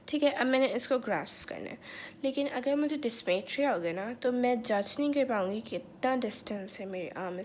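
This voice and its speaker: A woman's voice: medium pitch, darkish tone, slight background noise. A woman giving a casual medical lecture with a slightly sore throat, chatty and checking in often with her listeners. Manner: chatty, mixes English terms, repeats "theek hai".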